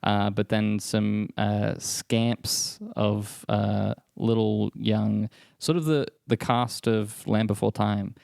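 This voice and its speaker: A man co-hosting a comedy podcast, riffing deadpan about a made-up movie with many ums and uhs. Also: lowish voice, slow pace, gravelly, few pauses, no room sound, studio quality. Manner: deadpan, hesitant with many fillers. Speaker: podcast co-host.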